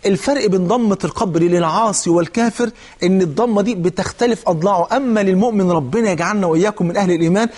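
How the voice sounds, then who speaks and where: A man's voice: sits high, rapid-fire, a little mellow. A man preaching a colloquial religious sermon in an Egyptian Arabic accent, fervent and asking his listeners rhetorical questions.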